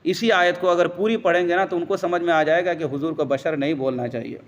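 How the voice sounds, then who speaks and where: A man's voice: a little high, steady tone, in a large hall, lo-fi sound. A man giving a religious lesson who explains step by step, quotes Arabic verses and answers his own questions. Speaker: religious teacher.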